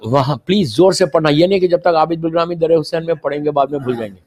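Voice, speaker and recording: A man with a high voice delivers a religious sermon with great passion. He drops to a hush while telling a story, then climbs into loud, pleading appeals to his listeners. English words slip into his speech now and then. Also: crowd noise. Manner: impassioned, swinging from hushed storytelling to loud pleading exhortation. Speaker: preacher.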